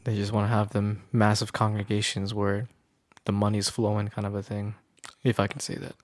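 A man's voice: on the low side, completely flat delivery, a little fast, no echo, studio quality. A man talking casually about faith in a hesitant, roundabout way, often checking for agreement. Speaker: podcast co-host. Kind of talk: casual religious discussion.

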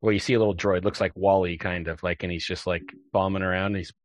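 A man hosting a casual chat, recapping a TV episode in a relaxed, joking way with lots of filler words. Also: deep voice, fast talker, no room sound, rough recording. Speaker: podcast host.

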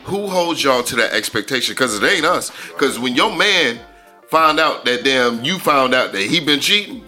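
A man's voice: mid-range voice, lively intonation, moderate pace, pushed and bright, soft background music. A man in casual podcast chat, emphatic and repetitive, with some swearing. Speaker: podcast guest.

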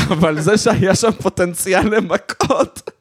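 A man's voice: sits high, breathy edge, dry recording, studio quality. A man chatting as a podcast guest, telling stories with many restarts and laughs. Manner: hesitant, restarting, laughing storyteller. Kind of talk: casual chat.

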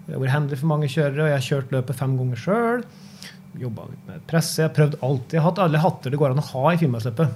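Norwegian man hosting a relaxed chat. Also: a little high, a little hiss or hum. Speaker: podcast host. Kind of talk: casual conversation.

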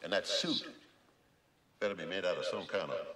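An actor playing a strict older male judge who scolds and commands in a gruff voice. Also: low voice, moderate pace, bright, forceful tone. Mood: stern. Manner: scolding, impatient. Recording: echoey film clip audio.

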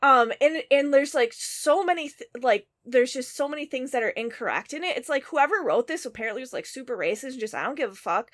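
Woman co-host, higher voice, animated profane gaming rant. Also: brisk, hardly any pauses. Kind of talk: casual gaming chat.

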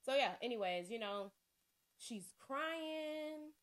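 Young woman podcast co-host, high and lively, acts out her friends' lines, swears and laughs. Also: takes it slowly. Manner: animated, acts out quoted friends; laughs often, profane. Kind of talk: casual chat, storytelling.

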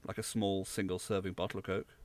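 Low-voiced young Englishman, dry sound. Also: flat delivery, fast, no room sound. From Southwest England. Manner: rambling, hesitant, explains at length. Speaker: podcast co-host. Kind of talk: casual chat.

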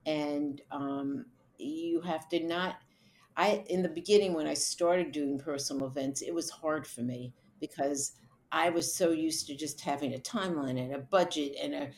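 A woman's voice: sits low, normal speed, darkish tone, a little hiss or hum. A middle-aged woman, an event producer, answering interview questions in a chatty, storytelling way and laughing now and then. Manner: chatty, laughs while telling stories.

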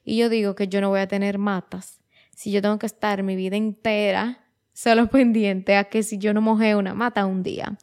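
A woman's voice: mid-range voice, little pitch movement, moderate pace, a little mellow. Woman, 23, host, casual reflective monologue, chatty, restarts phrases, mixes in English words. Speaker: podcast host.

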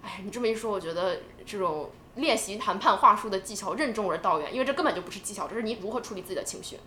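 A woman co-hosting a podcast in casual chat, animated and talking in quick bursts with restarts. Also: mid-range voice, roomy sound, slight background noise. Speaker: podcast co-host.

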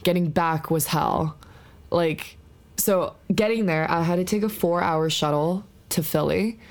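A young woman with a slightly low voice tells long stories on a podcast. She rambles casually, with "like" in nearly every phrase. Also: measured pace. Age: young adult. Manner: rambling storytelling, full of "like". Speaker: podcast co-host. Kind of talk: casual chat.

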